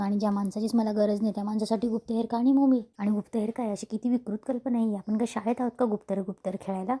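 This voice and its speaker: A woman's voice: medium pitch, warm tone. A woman retelling a TV serial episode and speaking the characters' lines in her own voice. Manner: quick plain retelling, lifting her voice a little for quoted lines. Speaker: serial episode recap narrator.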